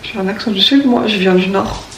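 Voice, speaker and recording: A woman's voice: mid-range voice, brisk. A young woman from the Paris region, with a sore throat, chatting casually to camera at home in a rambling, hesitant way with many restarts. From Paris region, France. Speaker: vlogger. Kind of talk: casual morning chat to camera. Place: at home, indoors. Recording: echoey room, voice far from mic, faint hum.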